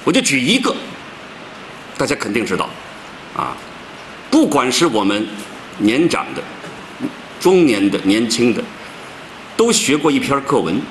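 A man's voice: wildly swooping pitch, unhurried, pauses often, a little hiss or hum, low-quality recording. A man giving a public lecture, stressing his words with big rises and drops. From China. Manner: emphatic, swings pitch widely for stress.

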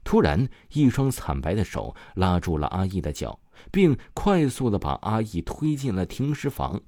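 A man's voice: on the low side, big pitch swings, normal speed, warm tone, no room sound, clean studio sound. A man narrating a horror story with dramatic, suspenseful pacing.

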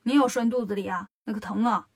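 A woman's voice: a little high, fast. A woman voicing a cocky, mischievous monkey king who teases and tricks his companion, in a storybook reading. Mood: teasing. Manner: cocky, teasing, sly.

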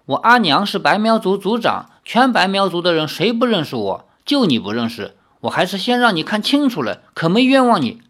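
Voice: mid-range voice, a little fast, few pauses, voice pushed up. A narrator doing a teasing young chief's daughter. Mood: cool. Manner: calm, mocking, confident. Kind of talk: audiobook character voice.

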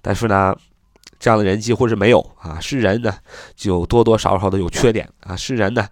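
A man's voice: fairly low pitch, fairly even intonation, no echo, clean studio sound. A man teaching English vocabulary, who repeats each word many times and spells it out letter by letter. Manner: repeats words over and over, spells letters out slowly. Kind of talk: lesson, reading and spelling words slowly.

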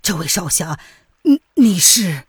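A woman's voice: on the low side, sing-song, measured pace, slightly rough, dry recording, clean studio sound, full character voice. A woman doing a stammering wounded old monk. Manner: stammering, pained. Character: old male Buddhist monk, wounded and shaken. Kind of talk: audiobook character voice.

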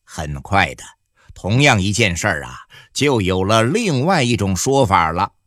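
Animated male audiobook storyteller. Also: lowish voice, a little slow, no echo, studio quality. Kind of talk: audiobook narration.

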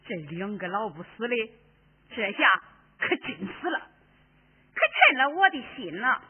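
A sharp-tongued, greedy sister-in-law in opera style, her piercing voice sitting high and swinging wildly. She wails on cue. The recording is thin and phone-like. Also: big pitch swings, slow, pauses often, full character voice. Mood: gloating. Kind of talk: Henan opera spoken dialogue.

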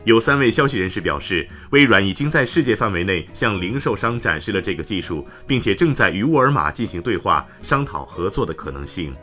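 A man's voice: fairly low pitch, lively intonation, fairly quick, few pauses, bright, forceful tone. A man hosting a news show, reading a scripted morning bulletin in a formal newsreader delivery. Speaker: news podcast host. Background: background music.

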